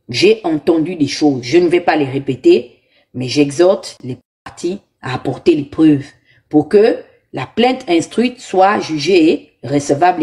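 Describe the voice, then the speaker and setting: A woman's voice: low-pitched, dark tone. A woman hosting a live commentary, emphatic and exhorting her viewers. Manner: emphatic, exhorting, speaks in repeated appeals. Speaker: live show host.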